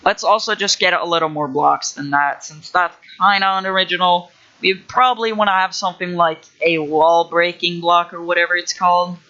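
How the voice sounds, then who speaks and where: A man's voice: sits high, steady tone, moderate pace, pushed and bright, highs cut off. A young man livestreaming as he builds a game level, rambling casually with lots of fillers and restarts. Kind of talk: casual thinking-aloud livestream.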